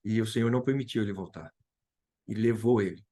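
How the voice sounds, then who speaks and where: A man's voice: fairly low pitch, fast talker, warm tone. A man from Brazil sharing an emotional personal testimony as a guest, retelling dialogue and repeating key phrases.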